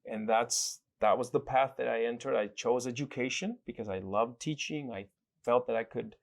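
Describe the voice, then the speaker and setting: A man from El Salvador talks through his story as an interview guest. He speaks at a middling pitch, pauses often, and circles back to restart his sentences in a reflective, conversational way. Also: vocal fry.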